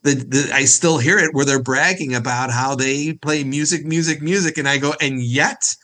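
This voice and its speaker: A man's voice: on the high side, fairly even intonation, moderate pace, sharp tone. A man chatting as a guest on a podcast over a video call, jokey and self-mocking. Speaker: podcast guest, comic performer. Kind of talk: casual chat on a video call.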